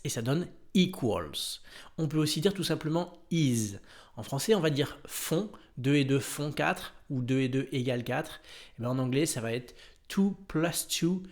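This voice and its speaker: Brief: French-speaking man, patient teacher, spells words slowly, middle pitch. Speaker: English teacher. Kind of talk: explaining a lesson.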